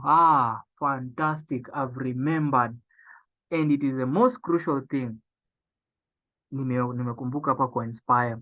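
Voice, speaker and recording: The recording is tinny and phone-like, carrying a young man's medium-pitched voice through a motivational business training session. He speaks with emphasis, repeats key lines and slows to underline them.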